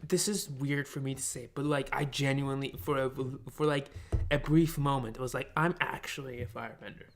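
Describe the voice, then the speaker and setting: A man's voice: mid-range voice, steady tone, a little fast. A young man co-hosting a casual podcast, telling rambling stories full of restarts and fillers. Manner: rambling storyteller, many restarts and "like"s. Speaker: podcast co-host. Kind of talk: casual chat.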